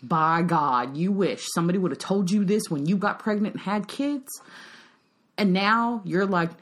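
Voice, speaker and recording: A woman's voice: on the low side, normal speed. A woman in her thirties co-hosting a podcast in casual chat, laughing often and slipping into playful voices. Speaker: podcast co-host.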